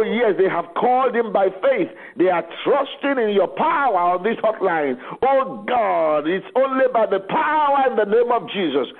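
High, husky faith healer man, lo-fi. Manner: commanding, declamatory, repetitive faith-healer delivery. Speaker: faith healer leading a radio prayer hotline. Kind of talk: fervent healing prayer, preaching. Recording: dull lo-fi radio sound.

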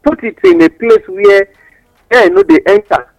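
A man's voice: very high voice, very animated, moderate pace, creaky, a little mellow, no echo, highs cut off. A man with a Nigerian accent explaining things in West African Pidgin English, teaching through examples and rhetorical questions as a radio guest giving advice.

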